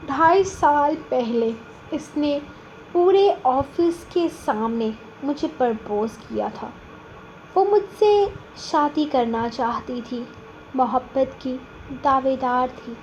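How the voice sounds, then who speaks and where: Figure: affectionate young husband read by a woman. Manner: soft, gently coaxing. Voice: high and light. Style: audiobook novel reading. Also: animated, slight background noise, poor audio. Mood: confiding.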